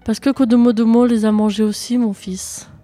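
A woman's voice: a little high, level tone, moderate pace, dark tone, lightly acted. A woman voicing a village mother who is the lone survivor, speaking tenderly and fearfully to her son. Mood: sorrowful.

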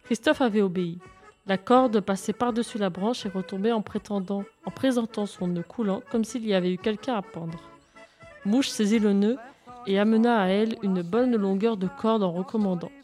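A woman narrating a children's adventure story aloud in a steady, clear reading voice. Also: mid-range voice, moderate pace, faint music behind.

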